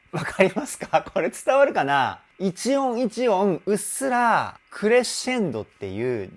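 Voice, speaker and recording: A man working as a vocal coach talks through a song in a lively, up-and-down voice. He gets openly excited and a little self-deprecating as he explains technique. Now and then he slips into brief sung demonstrations. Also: on the high side. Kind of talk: song reaction and vocal analysis.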